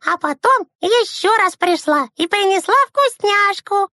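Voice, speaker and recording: A squeaky, stubborn little girl. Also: expressive, a little slow, no room sound, clean studio sound, exaggerated voice. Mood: chirpy. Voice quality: squeaky, shrill child voice. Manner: shouty, bouncy, defiant. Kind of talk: storybook reading.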